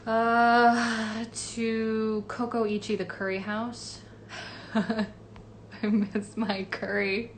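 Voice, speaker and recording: A young voice actress from Los Angeles casually answers fan questions on a live stream, reading comments aloud and using lots of fillers. Her voice is a little high, her delivery flat with drawn-out words, and there's slight background noise.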